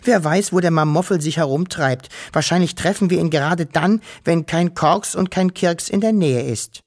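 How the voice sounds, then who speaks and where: Ein kleines, zaghaftes Fabelwesen mit grünem Haar, von einem Mann gesprochen, klingt in einer Kinderhörgeschichte hell und etwas höher. Sie seufzt oft und spricht ängstlich und klagend. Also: male voice, fairly high pitch, normal speed, a little mellow, pitched above the performer's own voice. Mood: weary. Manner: anxious, sighing, plaintive. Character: small timid female furry creature with green hair.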